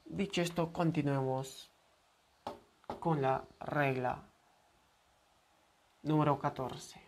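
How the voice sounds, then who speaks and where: An English teacher leads a pronunciation lesson at an unhurried, deliberate pace, patiently repeating each word so his students can practice. His voice is fairly high with a steady tone, and a faint hiss runs beneath it.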